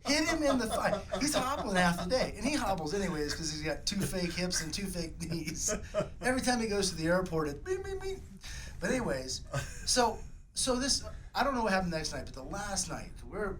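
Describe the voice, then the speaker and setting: A man with a notably high voice tells a story with animated energy, laughing along as he goes. He speaks like a coach chatting casually on a podcast, with a faint hiss of noise in the background. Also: brisk, low-quality recording. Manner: animated, lively storyteller who laughs at his own tale.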